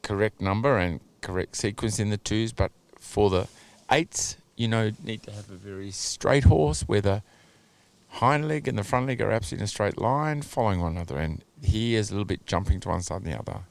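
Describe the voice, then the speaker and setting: A fairly low, creaky male voice delivers careful, analytical remarks on a dressage test via video. He tends to qualify his opinions with "you know" and "a little bit."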